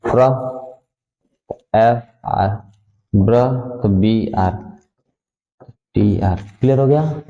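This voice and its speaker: A man's voice: on the low side, extremely slow, long pauses. A man teaching the alphabet, patiently repeating sounds and checking that students understand. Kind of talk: Hindi alphabet lesson. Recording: echoey room, dull lo-fi sound.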